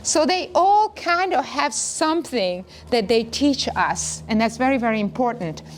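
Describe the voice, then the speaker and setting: A woman's voice: on the high side, expressive, measured pace, slight background noise. A middle-aged woman from northern Italy, talking earnestly in long flowing phrases as a wellness co-host. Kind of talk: casual conversation.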